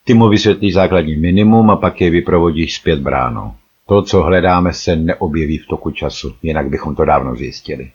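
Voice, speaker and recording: A man's voice: extremely low pitch, a little mellow, slightly rough, lo-fi sound. A man voicing an impatient, commanding male leader in an audiobook.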